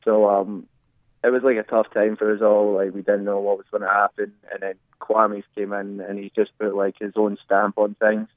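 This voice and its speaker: A man's voice: fairly low pitch, monotone, moderate pace, no echo. A young man with a thick Scottish accent giving a casual interview as a soccer player over the phone. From Scotland. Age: young adult. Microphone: phone call. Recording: tinny, narrow phone line.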